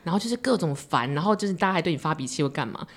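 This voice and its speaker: A woman with a Taiwanese Mandarin accent hosting a casual chat, expressive and chatty. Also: low voice. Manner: chatty, expressive, quick reactions. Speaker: podcast host.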